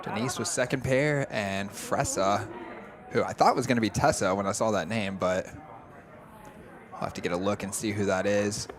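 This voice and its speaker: A man's voice: on the low side, normal speed. Laid-back man calling poker hands. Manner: easygoing, analytical. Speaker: poker stream commentator. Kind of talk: live poker commentary. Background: crowd chatter of a poker room.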